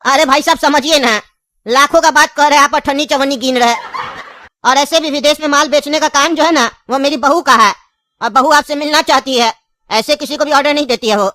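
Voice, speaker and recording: A woman's voice: high-pitched, brisk, bright, forceful tone, no echo. A woman voicing a scheming, insistent old grandfather in a cartoon, speaking with a tinge in a pleading, long-winded way. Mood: coaxing.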